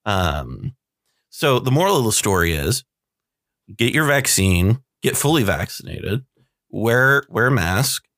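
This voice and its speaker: A young man hosting a podcast in a relaxed, chatty way, full of fillers and laughs. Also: fairly low pitch, slow, no room sound, studio quality. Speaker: podcast host. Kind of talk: casual podcast chat.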